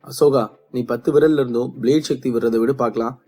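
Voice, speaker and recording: A man voicing a calm, kind young male trainer who talks in a reassuring, instructive way. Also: mid-range voice, brisk, close to an everyday voice.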